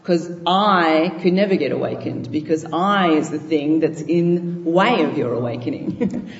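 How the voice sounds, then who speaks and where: A yoga teacher speaks to a class in a studio, unhurried and explaining with frequent laughter. The voice sits in the middle range and comes from far across an echoey room, with a dull, muffled recording and a long reverb tail. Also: medium pitch. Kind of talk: talk to a live class. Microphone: far from the mic.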